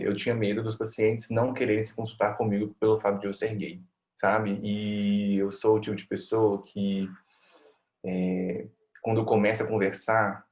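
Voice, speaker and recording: A Brazilian man, a family doctor, answering interview questions in a reflective, conversational way, often ending thoughts with tag questions. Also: on the low side. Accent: Brazilian Portuguese.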